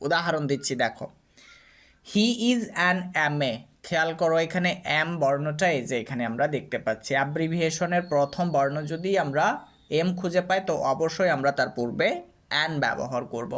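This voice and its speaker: A man with a Bengali accent explains English grammar in the steady manner of a classroom teacher. He repeats example words and drills them patiently. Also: fairly high pitch, fast talker. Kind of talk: explaining lesson to students.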